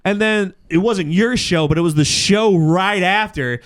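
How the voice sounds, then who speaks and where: With a high, smooth voice and a slightly slow delivery, a man chats on a podcast he hosts; he also runs a comedy show. His storytelling is animated and casual, full of slangy cursing and acted-out bits of dialogue.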